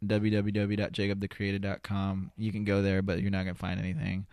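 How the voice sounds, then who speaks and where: The guest, a spoken word poet, gives rambling, hesitant, casual interview answers full of "you know" in an indoor studio. His voice is lowish, monotone and brisk, with a darkish, clear, resonant tone, captured in a dry recording with clean studio sound.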